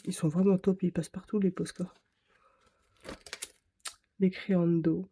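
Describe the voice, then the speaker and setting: A woman's voice: lowish voice, little pitch movement, unhurried, mellow, husky. A woman vlogger chatting casually to camera, rambling and correcting herself as she shows her art supplies. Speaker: craft vlogger.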